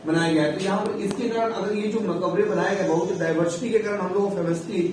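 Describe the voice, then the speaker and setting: A man teaching a civics lesson, talking in a casual and friendly manner and often checking that his students follow. His voice is a little higher than usual and sits far from the mic in a very echoey space. Faint noise stays behind him. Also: fairly even intonation, fast talker, a little mellow. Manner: casual, repeats "theek hai" and calls students "babu".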